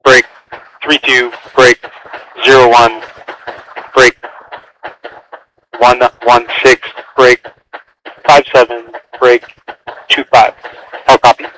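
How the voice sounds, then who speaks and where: A military mission controller speaks over a noticeably noisy air-band radio link full of static and clicks. He delivers short, procedural instructions slowly, with long pauses, in a level, average-pitched voice. His tone is bright and forceful.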